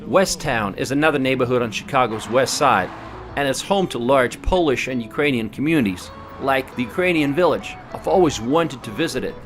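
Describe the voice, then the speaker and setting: A man from Russia reading a scripted voice-over for a travel vlog, in an even, informative tour-guide manner. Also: medium pitch, brisk, faint music behind.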